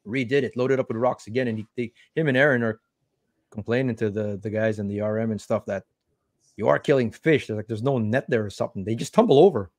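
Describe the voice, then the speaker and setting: A man hosting a fishing podcast from home over a video call with a headset, telling stories in an animated way and acting out what people said. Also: medium pitch, fast talker, no echo, studio quality. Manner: animated storyteller, acts out quotes. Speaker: podcast host. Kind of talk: casual chat.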